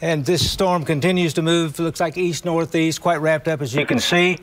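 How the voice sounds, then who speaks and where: A man's voice: on the high side, steady tone, normal speed. A man anchoring live emergency weather coverage, giving directions and repeating phrases as he thinks aloud. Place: TV studio.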